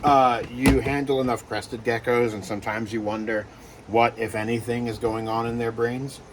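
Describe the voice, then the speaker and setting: A man who breeds reptiles talks casually in a vlog while handling geckos, with lots of fillers and soft reassurances to the animals. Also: mid-range voice, flat delivery, normal speed, background noise. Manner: rambling, filler-heavy, coos softly to the geckos.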